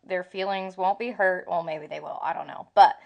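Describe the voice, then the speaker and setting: Giggly, animated woman. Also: on the low side, moderate pace, vocal fry. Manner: giggly, animated, swears freely. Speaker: podcast co-host. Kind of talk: casual travel podcast chat.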